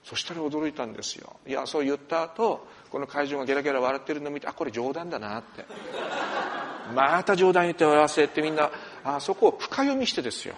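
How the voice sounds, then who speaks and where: A male pastor preaching in a church hall, his pitch rising and falling in a lively, expressive way. He tells stories with animated asides. The room carries a faint hum of ambience. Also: brisk. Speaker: senior pastor. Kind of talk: sermon with opening prayer.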